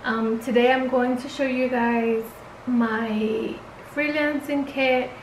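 A woman's voice: a little high, fairly even intonation, takes it slowly, background noise. A woman freelance makeup artist chatting casually in a vlog, full of "um" and "like". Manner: chatty, many fillers like "um" and "like".

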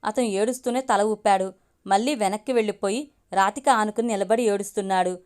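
A woman reading a family story aloud as a steady storyteller. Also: medium pitch, a little fast. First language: Telugu.

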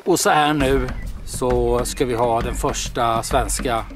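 A man who organizes a packrafting meetup, interviewed outdoors in a forest in a calm, unhurried way. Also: mid-range voice, music in the background. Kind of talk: documentary interview.

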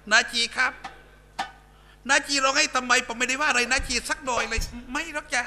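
A man's voice: extremely high pitch, steady tone, a little fast, gravelly, music in the background, pitched above the performer's own voice. A man voicing a polite, formal young prince in a live shadow puppet drama.

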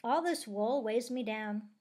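A woman's voice: a little high, measured pace, darkish tone. A woman voicing a mild, matter-of-fact one-eared toy sheep.

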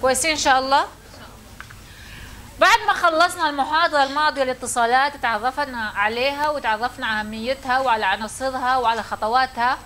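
A woman's voice: sits high, steady tone, fast, pushed and bright, a little hiss or hum. Woman lecturing a class. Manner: questioning, calls on students.

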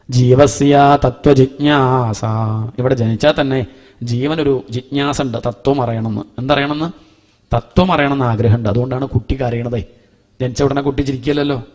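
A middle-aged man teaches a devotional scripture lesson, chanting verses slowly and explaining them in a homely, conversational way. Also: mid-range voice, a little mellow. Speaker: Bhagavatam teacher.

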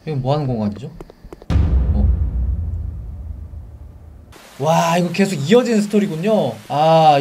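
A young man narrates his way through a horror game for his viewers, chatty and jumpy. His voice sits high and swings widely in pitch. He sounds a little off the mic, with a faint hiss of noise behind him. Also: distant mic. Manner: excitable, yelps and shouts at scares, chatty asides to viewers. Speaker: game streamer. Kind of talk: horror game let's play commentary.

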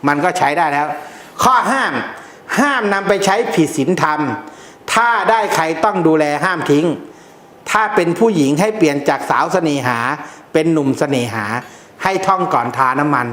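A man's voice: on the high side, animated, normal speed, fairly bright tone, echoey room. A man who teaches about amulets, explaining in a casual, blunt way with slang and jokes.

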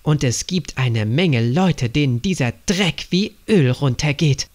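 A man's voice: a little high, lively intonation, unhurried, a little mellow. A man voicing an earnest young woman agent reporting to her father in an audiobook.

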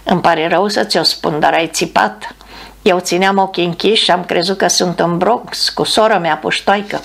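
A woman's voice: fairly low pitch, vocal fry. A woman voicing a teasing young airman. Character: man, a joking airman teasing a crewmate.

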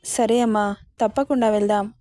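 A woman voicing a gentle, affectionate older father from a village who speaks tenderly to his daughter in a told story. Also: mid-range voice, steady tone, moderate pace, a little hiss or hum, lightly acted. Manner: tender, reassuring. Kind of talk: storybook narration.

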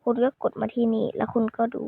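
A woman talks fast in a casual vlog to her viewers, rambling, criticizing herself, and often restarting sentences. Recorded on a phone, the sound is tinny and dry with no room sound.

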